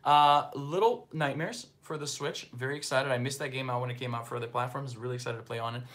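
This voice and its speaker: Born in northeastern Brazil with Portuguese as his first language, a livestream host speaks quickly with a slight Brazilian Portuguese accent. His voice is medium-pitched and a bit bright, and he rambles casually, leaning on fillers as he reads comments from viewers.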